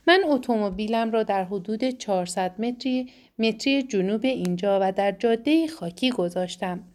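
A woman reading the lines of a blunt, self-assured woman traveler, calm and matter-of-fact. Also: mid-range voice, lightly acted. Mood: firm.

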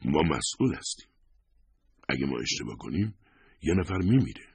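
A man voicing a stern, grave older police commissioner in an audiobook, speaking firmly and measured. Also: rumbling low, sing-song, creaky, darkish tone, husky, dry recording, exaggerated voice. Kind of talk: audiobook character voice.

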